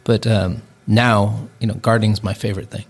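A man's voice: on the low side, little pitch movement, moderate pace, breathy edge. A man hosting a podcast, chatting casually and asking friendly, leading questions. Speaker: podcast host. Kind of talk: casual conversational interview.

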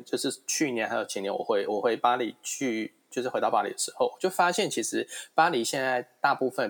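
A man with a Taiwanese Mandarin accent in a casual discussion, dropping English words into his speech. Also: medium pitch.

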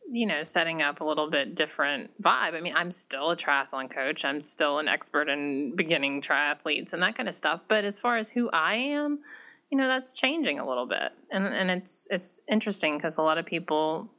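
A woman hosts a podcast and chats casually and easily with her guest. Her voice sits very low for a woman, but it has a bright, forceful tone. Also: expressive, moderate pace. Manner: chatty, laughs easily. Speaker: podcast host. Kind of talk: casual interview conversation.

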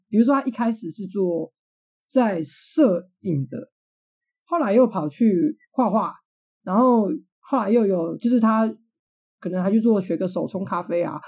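Woman in her twenties, podcast host, blunt and salty, dark mellow tone. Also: mid-range voice, slightly rough. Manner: blunt, swears freely, animated storytelling. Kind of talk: casual chat.

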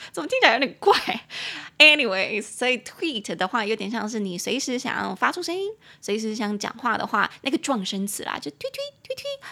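Woman, young adult, podcast teacher, chatty and animated, vocal fry, sharp tone. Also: medium pitch. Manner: chatty, animated, switches into English examples. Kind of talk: casual podcast lesson.

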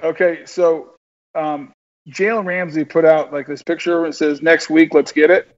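Halting, higher-pitched man in sports chat. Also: fairly even intonation, highs cut off. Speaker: radio show producer and co-host.

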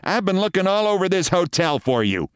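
Guy doing a naggy wife, high voice, bossy and impatient, dry recording. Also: sing-song, smooth, no echo. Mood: nagging. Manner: scolding, brisk. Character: nagging, impatient middle-aged wife.

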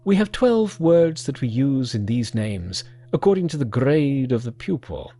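A storyteller voicing a stern old patriarch teacher who questions a new pupil, gruff and measured. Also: mid-range voice, very animated, dark tone.

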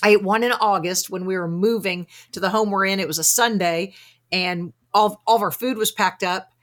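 A woman's voice: mid-range voice, normal speed. A woman with a Southern accent from Arkansas, hosting a casual interview in a chatty, effusive, anecdotal way. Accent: Arkansas, American South. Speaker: podcast host, fasting coach.

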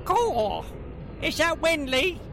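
A man's voice: very high voice, big pitch swings, slow, vocal fry, fairly bright tone, a little hiss or hum, voice pushed up, exaggerated voice. A man voicing a small, cheery gnome cousin in a little pixie-like voice, with folksy, teasing dialect. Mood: amazed delight.

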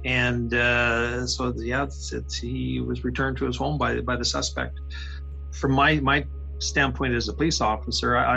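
Halting police officer, bright voice, lo-fi. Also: male voice, medium pitch, creaky. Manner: halting, many hesitations. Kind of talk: interview answers.

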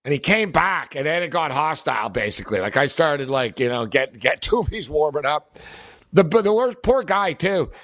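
A man's voice: fairly high pitch, expressive, normal speed, a bit bright, no room sound, clean studio sound. A man co-hosting a casual sports betting podcast, telling loose, laughing stories. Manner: storytelling, laughing, loose and chatty. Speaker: podcast co-host.

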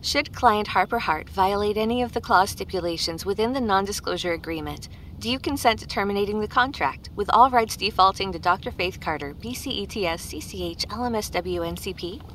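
Blossom, a woman voicing a bright gentle care AI. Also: medium pitch, a little hiss or hum, lightly acted, rough recording. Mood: calm, courteous. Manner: formal, measured, courteous. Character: gentle polite female wellness AI assistant.

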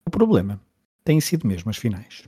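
Quick-paced, mellow male sports narrator. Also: fairly low pitch, sing-song, breathy edge. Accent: European Portuguese. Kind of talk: scripted documentary narration.

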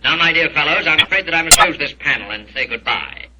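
An actor playing a mockingly polite British criminal professor, a silky theatrical villain in a 1940s radio drama. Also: male voice, fairly high pitch, expressive, fast, very noisy, close to an everyday voice. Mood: smug. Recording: dull old 1940s radio recording.

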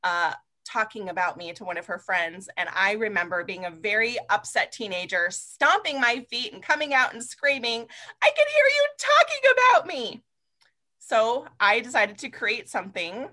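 A woman guest on an interview podcast, telling lively stories, swearing freely and laughing often. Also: on the high side. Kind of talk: casual interview chat.

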